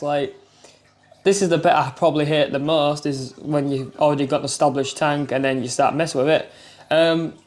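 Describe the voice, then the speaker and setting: A man, hosting a casual aquarium vlog at home, chatty and quick to laugh at himself. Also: on the high side, a little mellow. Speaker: aquarium hobby vlogger. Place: indoors at home by his fish tanks. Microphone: clip-on mic, then phone mic.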